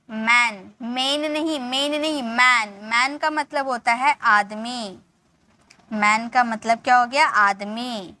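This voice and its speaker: A woman teaching English words, spelling each one out and repeating it slowly for learners. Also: a little high, bright, forceful tone, no echo. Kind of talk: spelling and pronunciation lesson.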